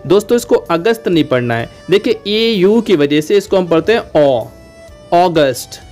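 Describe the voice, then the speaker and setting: A man's voice: high voice, animated, normal speed, darkish tone, faint music behind. A man, an English trainer teaching pronunciation in a video lesson, explaining patiently and repeating example words.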